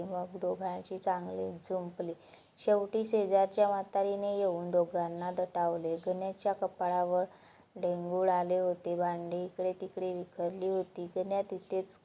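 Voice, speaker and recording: A woman narrating a moral story with a steady, unhurried reading. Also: fairly low pitch. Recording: dull lo-fi recording.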